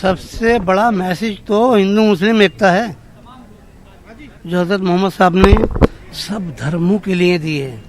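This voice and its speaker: A man's voice: high voice, a little slow, very noisy. A man answering a street interview emphatically, pressing his points with growing force. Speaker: interviewee at a procession. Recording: loud crowd behind.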